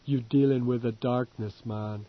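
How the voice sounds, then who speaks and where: A man voicing a laid-back dockside man, speaking softly and low. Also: steady tone, a little slow, dry recording, natural voice. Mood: calm. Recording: dull lo-fi recording.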